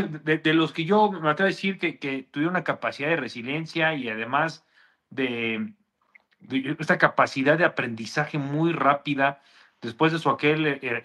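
A man's voice: a little high, sharp tone. A man with a Mexican accent hosting a sports show, giving informal, opinionated commentary.

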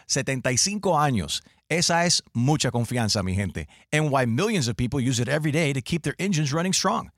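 A man's voice: on the high side, fairly bright tone, no echo, studio quality. A man reading a radio ad, switching playfully between English and Spanish slang. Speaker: ad announcer. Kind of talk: bilingual radio ad read.

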